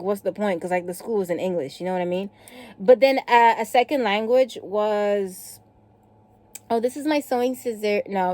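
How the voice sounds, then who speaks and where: A woman from South Africa telling a story casually to camera, animated, acting out the dialogue and swearing offhand. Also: mid-range voice. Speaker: vlogger.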